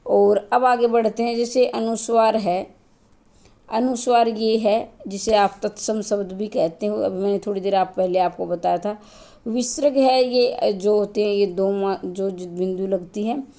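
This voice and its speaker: Speaking at a measured pace, a female teacher with a medium-pitched, steady, dark-toned voice walks her students through grammar step by step, classroom style. She poses questions, answers them herself, and goes over the key points again.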